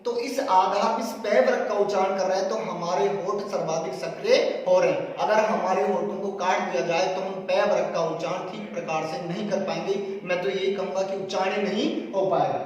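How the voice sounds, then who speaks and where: A man's voice: sits high, fairly even intonation, fairly quick, few pauses. A man teaching a classroom grammar lesson, methodical, repeating terms and sounding out examples aloud. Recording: echoey hall, recorded from far off.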